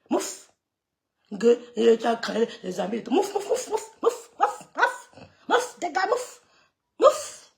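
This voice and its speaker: Middle-aged woman with a high, gravelly voice, scolding in a live rant. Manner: scolding, scornful, repeats dismissive sucks of the teeth. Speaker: social media gossip streamer. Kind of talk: heated live-stream rant.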